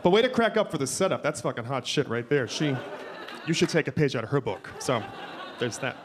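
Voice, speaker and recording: A man in his forties doing a live stand-up set, animated, jumping into a high flamboyant yelling voice. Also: fairly quick, a crowd in the background. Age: 40s. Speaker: stand-up comedian. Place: comedy club stage. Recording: noisy live club sound.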